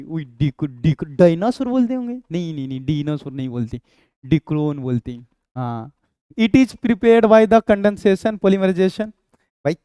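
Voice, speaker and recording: A man's voice: sits high, dark tone, clean tone, no echo. A young male chemistry teacher, giving a playful exam-prep lecture and joking with imagined students. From Bihar. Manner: playful, banters with imagined students, sings a snatch.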